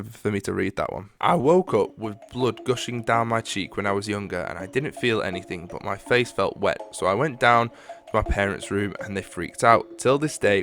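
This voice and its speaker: A young man hosting a casual solo podcast, reading out stories and reacting with drawn-out exclamations. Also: on the low side, fairly bright tone. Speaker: podcast host.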